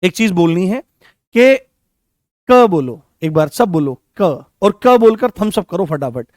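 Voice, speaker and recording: A man with a high voice teaches an exam-prep grammar class, repeating each phrase several times and throwing questions at his students. He calls them by fond nicknames. The recording is dry and close. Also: animated, normal speed, darkish tone, no room sound. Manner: repetitive, drills phrases, asks the class questions, affectionate address.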